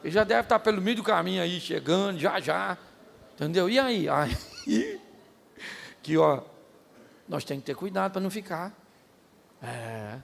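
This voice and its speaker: A middle-aged Brazilian man preaching a humorous, animated sermon as pastor, acting out voices and joking with the congregation. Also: high-pitched, unhurried, vocal fry, long pauses, a little hiss or hum. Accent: Brazilian Portuguese. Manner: animated, acts out voices, shouts and jokes. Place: large church hall. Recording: live sermon with hall reverb.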